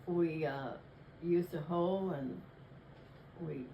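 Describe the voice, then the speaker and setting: Slow, low older woman reminiscing. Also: echoey room, dull audio, a little hiss or hum. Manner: rambling, self-correcting storytelling. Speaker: interviewee. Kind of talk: casual family chat.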